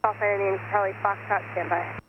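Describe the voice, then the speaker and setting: Fast, high-voiced male controller over tinny radio. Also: flat delivery. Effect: aviation radio. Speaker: air traffic controller. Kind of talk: rapid procedural radio instructions. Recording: tinny radio with clear noise.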